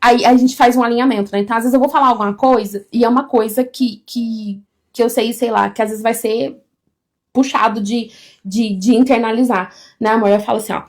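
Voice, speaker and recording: A woman, co-hosting a casual live stream from home, talking loudly and expressively. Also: on the high side. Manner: loud, expressive and fast-flowing.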